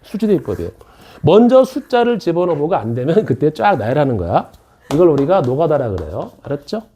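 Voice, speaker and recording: A man's voice: a little high, very animated, fast talker, mellow, slightly rough. A middle-aged man teaching math in an academy classroom, joking with students between explanations. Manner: joking, chatty asides to students. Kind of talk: casual classroom lecture.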